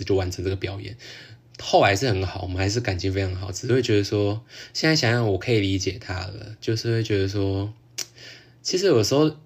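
A man's voice: on the low side, slightly rough. A man with a Taiwanese Mandarin accent, hosting a podcast and telling a story in casual chat, laughing often and acting out what others said. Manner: animated, laughs often, acts out quotes. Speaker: podcast host.

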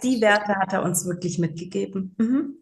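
A woman's voice: medium pitch, moderate pace. Woman in her 40s chatting as an interview guest, lots of ähms, echoey room. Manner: chatty storyteller, many fillers, laughs easily. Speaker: interview guest, psychological counselor. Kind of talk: casual interview chat. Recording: roomy echo.

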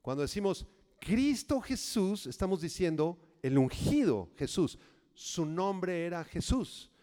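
A man preaching a sermon as a pastor, teaching step by step, and swinging from loud, rousing lines to quiet instructions. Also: mid-range voice. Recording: long hall reverb.

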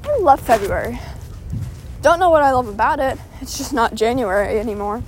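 A woman's voice: on the high side, animated, a little fast, slight background noise, poor audio. A teenage girl chatting casually while walking around her neighborhood, rambling with lots of filler words and a bit out of breath. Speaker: vlogger. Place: outdoors walking through a neighborhood.

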